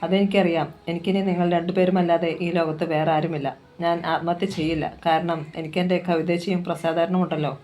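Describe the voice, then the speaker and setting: A despairing young woman, orphaned and heartbroken, pleading through her lines, read by a storyteller in an audiobook novel. Her voice sits at a middling pitch. A faint hiss of background noise runs under the reading. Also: flat delivery, fairly quick, a little mellow, natural voice. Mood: subdued.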